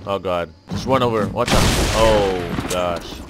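A man's voice: deep voice, measured pace, loud music behind the voice. A man chatting casually as a gaming YouTuber, loose and rambling, with urgent repeated callouts. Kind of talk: casual gameplay chat.

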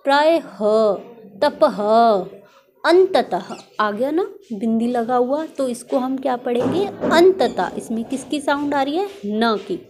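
A woman's voice: sits high, darkish tone. A woman teaching a primary school Hindi lesson, drilling sounds syllable by syllable and asking the class questions. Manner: slow, drawn-out syllable drills with call-and-response questions.

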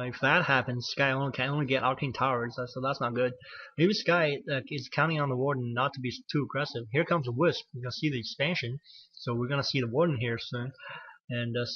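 A man at medium pitch delivers solo play-by-play commentary on a strategy game, his voice giving out as he goes. He rambles, corrects himself often and leans on fillers. The recording has its high frequencies cut off.

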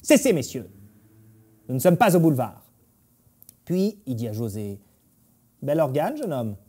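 A man's voice: medium pitch, big pitch swings, a little slow, warm tone, slightly rough. An actor playing a snooty, condescending male theatre director on stage. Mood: haughty. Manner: pompous and condescending.

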